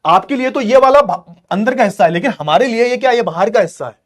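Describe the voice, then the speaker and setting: A man's voice: very high voice, animated, fast talker. A male teacher giving an exam-prep lecture who repeats key terms, asks rhetorical questions and explains while drawing on a board.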